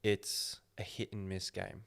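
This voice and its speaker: A man hosting a casual podcast chat, talking slowly and deliberately as he gives his opinions. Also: deep voice, monotone, vocal fry, fairly bright tone. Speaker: podcast host.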